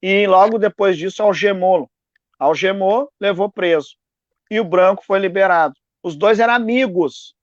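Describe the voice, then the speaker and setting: A man speaks earnestly on a live video call from home, often restarting phrases and asking "né?". His voice sits fairly high for a man and sounds dry and close. The stream audio is dull and lo-fi. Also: moderate pace, no echo. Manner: earnest, repeats words, frequent "né?". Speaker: activist guest. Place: home in a neighbourhood.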